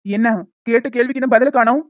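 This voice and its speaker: In this cartoon, a stern but caring young man, voiced by a woman lectures in a firm, rapid tone. The voice sits at a middle pitch. The recording is dry and dull, with a lo-fi sound. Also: steady tone, no room sound, close to an everyday voice. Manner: firm, lecturing, quick-talking. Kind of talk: animated story dialogue.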